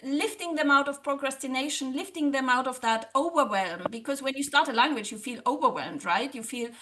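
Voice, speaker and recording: Over crowd noise, a German-born social psychologist and language coach speaks a little fast as an interview guest. Her high voice is earnest and lively, and she likes to act out her earlier thoughts; German is her mother tongue.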